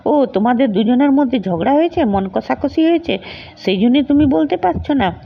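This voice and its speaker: A woman voicing a kindly older male village priest who speaks in a gentle, reassuring way. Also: sits high, lively intonation, moderate pace, gravelly, voice pushed up, heavily acted. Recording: dull lo-fi recording.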